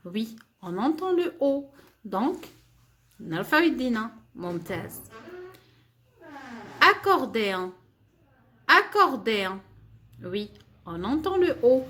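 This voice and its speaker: Slow, patient woman teaching French. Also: fairly high pitch, sing-song, fairly bright tone. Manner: slow, patient, repeats each word and sound for children to echo. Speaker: primary school teacher. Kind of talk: French lesson for young pupils, explained in Arabic.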